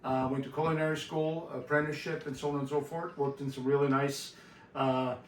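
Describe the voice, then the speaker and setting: A middle-aged man with an Austrian accent, a chef walking through a cooking demonstration in a relaxed, instructive way with many "uh" fillers. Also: medium pitch, a little fast. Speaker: guest chef. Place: home kitchen. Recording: echoey kitchen from far off, faint hiss.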